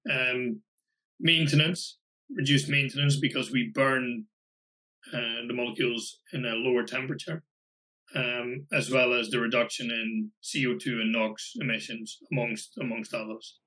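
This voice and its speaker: A man with a Scottish accent chats as a guest on a podcast, talking loosely with plenty of "um"s and restarts. His voice sounds bright and forceful. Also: medium pitch, steady tone, moderate pace, poor audio. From Scotland. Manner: chatty, many fillers and restarts. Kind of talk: casual podcast interview.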